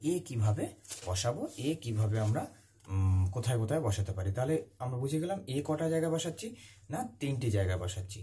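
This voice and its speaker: A man's voice: mid-range voice, lively intonation, fast talker, mellow. A man teaching a grammar lesson, who keeps repeating key words and answers his own questions. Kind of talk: classroom-style grammar lesson.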